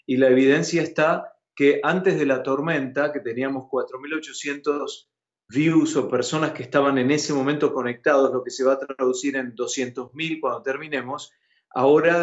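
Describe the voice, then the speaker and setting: A mid-range male voice with an Argentine Spanish accent belongs to a news host from Argentina running a live news chat. He talks emphatically and with animation, firing questions at his co-host, while the muffled broadcast sound carries an echoey room.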